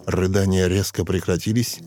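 A man narrating a dramatic audiobook in a measured, theatrical manner. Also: low voice, level tone. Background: soft music.

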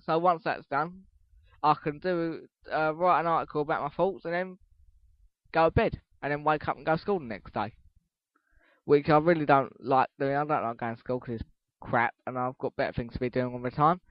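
A man's voice: a little high, normal speed, no echo. A teenage boy hosting a casual solo podcast, rambling, swearing casually and restarting his sentences as he goes. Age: teens. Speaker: podcast host. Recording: dull lo-fi podcast recording.

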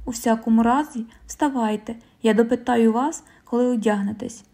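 A woman voicing a stern middle-aged male police commissioner, questioning in a formal, measured way. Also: a little high, steady tone, dark tone.

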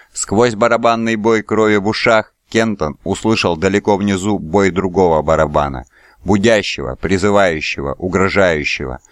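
A man narrates an audiobook in a steady, measured way. His voice sits very low. The recording is dry and close, with no room sound. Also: dry recording. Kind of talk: scripted narration.

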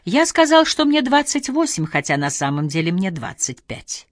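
A woman reading an audiobook and voicing a young male actor in a high, eager voice. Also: sing-song, moderate pace, no room sound, studio quality. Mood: sheepish.

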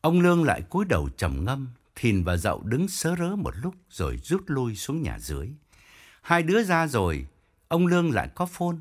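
A man narrating an audiobook story in an expressive way. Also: mid-range voice, moderate pace. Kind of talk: scripted narration.

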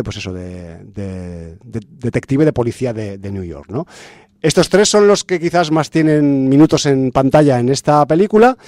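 Mellow-voiced man reviewing a film. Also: mid-range voice, no room sound, clean studio sound. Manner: chatty, lots of fillers and restarts. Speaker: film podcast host. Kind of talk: casual film review chat.

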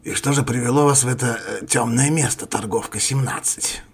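A man voicing a calm, sinister male rebel leader who speaks slowly and courteously, with a husky, creaky voice. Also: mid-range voice. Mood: suave menace. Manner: slow, courteous, menacing.

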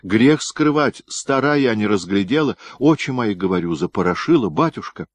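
A man's voice: fairly low pitch, animated, normal speed, no room sound. A man reading an audiobook, voicing a frightened old female housekeeper who pleads and wheedles. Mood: pleading.

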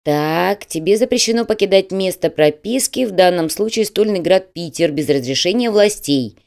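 A woman's voice: lowish voice, animated, gravelly, darkish tone, voice pushed up. A woman doing a stern official manager. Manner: brisk, official, mocking. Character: stern middle-aged male admissions manager.

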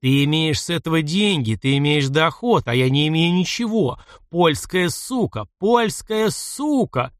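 A man's voice: sits high, big pitch swings, a little fast, few pauses, no echo, clean studio sound, voice pushed up. A man reading aloud, voicing a brutal, furious man who barks curses and slips into German. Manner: barking, cursing, heavy breathing rage.

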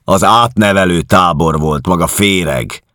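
Man voicing a hulking bully officer, loud, scornful, raspy edge. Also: deep voice, sing-song, no room sound, clean studio sound, voice pushed up, full character voice. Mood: angry bullying. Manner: shouting, contemptuous.

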